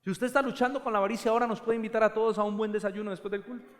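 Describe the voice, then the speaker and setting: A high-voiced middle-aged man preaches as pastor in a church. He swings from hushed low stretches to loud, fervent bursts. His voice rings with a long hall reverb. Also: fairly even intonation, rapid-fire. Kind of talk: sermon.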